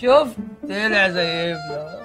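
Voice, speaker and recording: An actor playing a cheeky male neighbour who fires back quick retorts, speaking in Egyptian Arabic. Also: sits high, expressive, over music. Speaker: comic supporting character in a TV series. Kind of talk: sitcom comedy acting.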